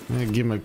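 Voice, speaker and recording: A male gaming streamer chatting casually with friends. He swears freely and laughs along, and his voice moves lively up and down. Faint game music plays behind him. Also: mid-range voice.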